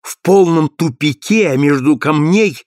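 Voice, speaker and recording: A man narrating an audiobook of a classic novel in a steady, measured reading voice. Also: a little high, dry recording, clean studio sound.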